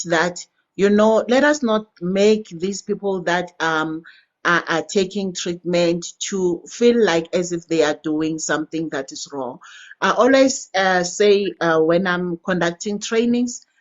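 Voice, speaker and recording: A woman, a nurse trainer, speaking on a live stream in a measured, explanatory way. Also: lowish voice. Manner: measured, explanatory, many fillers and restarts. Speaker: nurse trainer joining as a guest. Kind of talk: unmuted caller on a live stream. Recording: lo-fi call audio.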